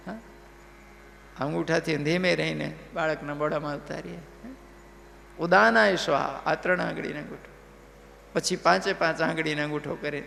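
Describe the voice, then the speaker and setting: Animated high-voiced preacher. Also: male voice, vocal fry, a little hiss or hum. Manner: animated, checks in with listeners. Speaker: religious storyteller. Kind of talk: devotional sermon storytelling. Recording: live hall reverb, faint music.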